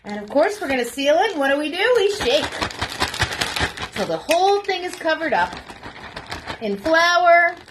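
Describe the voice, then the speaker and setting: A woman reads a storybook to children in a bright, high voice that leaps up and down with expression. Between story passages she gives easy cooking steps in the same animated way, with a faint hiss under the recording. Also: normal speed. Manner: lively, sing-song reading to children. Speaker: children's librarian. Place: home kitchen, remote video.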